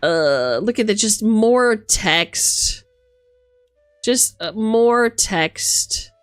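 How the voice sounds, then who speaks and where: She speaks in a mid-range voice, animated yet very slow, with a clean tone, no echo and soft music underneath. As host of the live book look-through, she plays it casual and theatrical, alternating effusive exclamations and deadpan asides.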